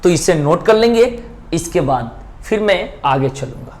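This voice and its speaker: A man teaching maths in a coaching class, explaining slowly and asking check questions again and again. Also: a little high, animated, a little mellow, a little hiss or hum. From India. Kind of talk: classroom lesson at a whiteboard.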